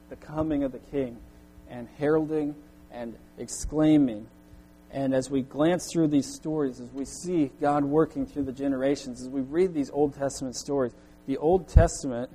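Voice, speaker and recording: A man preaching a sermon in earnest, his voice climbing loud when he echoes the crowd's cries. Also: mid-range voice, breathy edge. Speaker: pastor.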